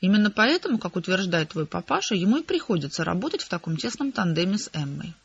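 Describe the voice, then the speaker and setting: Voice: mid-range voice, big pitch swings, quick pace, gravelly, slightly rough, exaggerated voice. A reader voicing a fussy middle-aged mother who gossips and is easily scandalized, in a slightly dull audiobook recording. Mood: gossipy.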